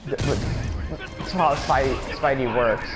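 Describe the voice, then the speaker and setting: A man giving excited, rambling commentary while playing a video game, often restarting sentences and laughing. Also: mid-range voice, slow pace, loud music behind the voice. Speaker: gaming YouTuber. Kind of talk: gameplay commentary.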